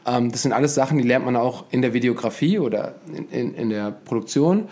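A man's voice: medium pitch, a little fast, mellow. A man hosting a casual conversation, enthusiastic and slangy, talking in long rambling runs. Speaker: host.

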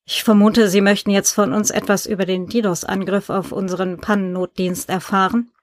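A blunt male company co-founder in an audiobook, read by a woman. He asks in a direct, straight-out way, a little loud. The recording is dry. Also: medium pitch, steady tone, brisk, no echo, natural voice.

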